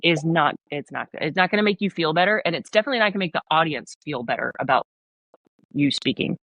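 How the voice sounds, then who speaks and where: Speaking fast in a deep voice, a Southern American leadership coach guests on a podcast. Her delivery is emphatic and blunt, and she acts out scenes as she tells animated stories.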